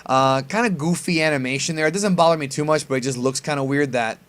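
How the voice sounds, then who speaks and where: A man's voice: on the high side, fast talker, fairly bright tone. A man giving casual fan commentary as host of a reaction video, informal and a bit sweary. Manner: informal, mildly profane slang. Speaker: host reacting to an anime preview.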